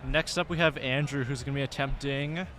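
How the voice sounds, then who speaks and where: A man giving live commentary at a powerlifting meet, shouting encouragement during the lifts. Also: medium pitch, fairly even intonation, fairly quick. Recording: loud crowd and noise in venue.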